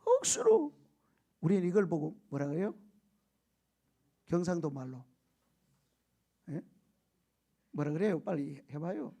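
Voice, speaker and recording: High, gravelly pastor preaching. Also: male voice, measured pace, pauses often. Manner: animated storytelling with shouted quotes and laughter; keeps prompting the congregation for answers. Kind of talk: sermon.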